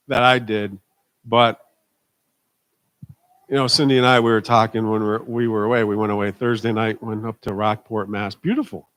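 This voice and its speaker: A man's voice: mid-range voice, a bit bright. Middle-aged pastor guy preaching casual to his church, emphatic, keeps asking amen. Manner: emphatic, asks the congregation for amens. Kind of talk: informal conversational sermon. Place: church service.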